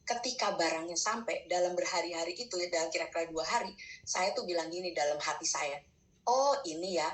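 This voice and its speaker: An older woman telling a personal faith story, lively and excited in places and hushed in others. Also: lowish voice, echoey room, low-quality recording. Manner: animated, gets excited and fast when retelling, quiet and hushed at reflective moments. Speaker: speaker sharing a testimony.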